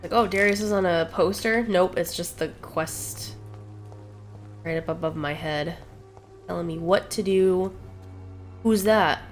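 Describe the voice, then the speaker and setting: A woman's voice: lowish voice, a little slow, long pauses. A woman streaming a game, commenting chattily to her viewers with frequent giggles. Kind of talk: gameplay commentary. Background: game music.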